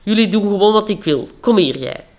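Storyteller voicing a loud show-off rooster, bossy, high and shouty. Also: lively intonation, a little fast, natural voice. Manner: loud, boastful threats. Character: bossy male rooster, boastful and fierce.

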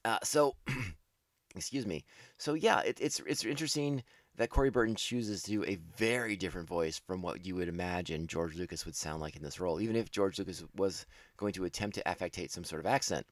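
A man with a low, deep voice talks through a casual podcast commentary, circling back and correcting himself as he goes. His fan enthusiasm comes through, and he laughs at his own slips. The sound is dry and close, with no room around it. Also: brisk, dry recording. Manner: rambling, with frequent restarts and self-corrections.

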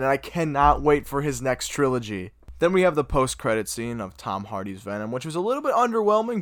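A young man hosting a podcast, reviewing a movie in casual chat, excitable and gushing, with lots of filler words. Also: medium pitch, dry recording, studio quality. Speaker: podcast host.

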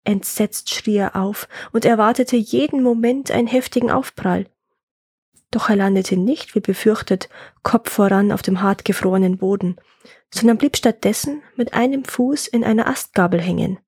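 A woman narrating a legend in a calm, measured storytelling voice as host of her fairy-tale podcast. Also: mid-range voice, husky, dry recording.

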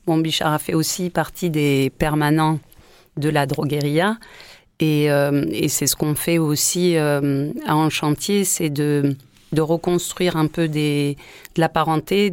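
A woman's voice: low voice, a little mellow, clean tone, no room sound. A woman guest in a radio studio, speaking earnestly and telling stories about her community work. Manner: earnest, storytelling. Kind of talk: live radio discussion.

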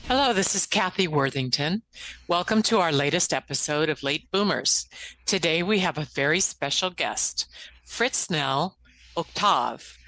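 A woman's voice: deep voice, pushed and bright. A woman co-hosting a podcast, reading a polished introduction and asking interview questions. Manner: polished, scripted delivery. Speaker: podcast co-host.

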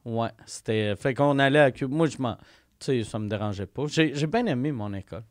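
A man with a Quebec French accent hosting a podcast in relaxed, casual conversation. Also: mid-range voice, fairly quick, no echo, studio quality. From Quebec City. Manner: relaxed, chatty, laughs easily. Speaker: podcast host. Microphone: studio mic.

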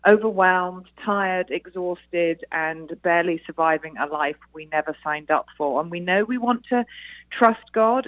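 A middle-aged British author, speaking as an interview guest, answers radio questions over the telephone in an earnest, explanatory way. Her voice is fairly low, and the dry recording comes through a muffled, band-limited phone line.

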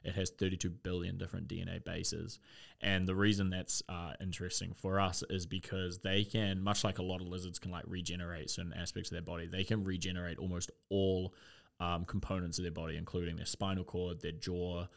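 A man's voice: sits low, level tone, fairly quick, gravelly. A man chatting loosely as a podcast co-host, rambling with lots of fillers and swearing. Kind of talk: casual chat.

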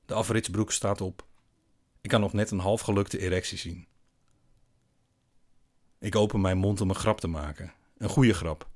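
A man narrating a first-person story in a dry, deadpan way. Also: deep voice.

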